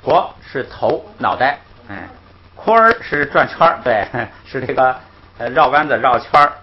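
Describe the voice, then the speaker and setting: A man's voice: mid-range voice, lively intonation, a little slow. Patient male teacher, lilt. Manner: patient, repetitive, punctuates with "hey" and soft chuckles. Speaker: Tibetan grammar teacher. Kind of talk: explanatory classroom lecture. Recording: dull lo-fi recording with faint noise.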